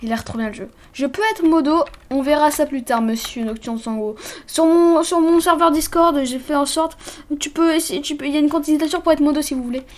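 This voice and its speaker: A woman's voice: high voice, fairly quick. A young woman streaming a video game, chatting casually with her viewers in a bubbly, scattered way, often restarting her sentences. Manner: chatty and bubbly, restarts a lot, talks to chat. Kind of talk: casual let's-play commentary.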